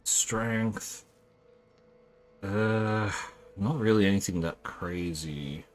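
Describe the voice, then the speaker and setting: A man with a husky voice giving casual video game commentary and reading choices aloud as he plays. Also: on the low side, drawn-out words, faint music behind. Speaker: gamer, let's player.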